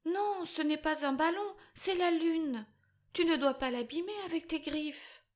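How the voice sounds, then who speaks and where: Earnest little girl, as a woman reads her, high pleading storybook voice, lively. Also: slow. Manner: pleading, high child's cries.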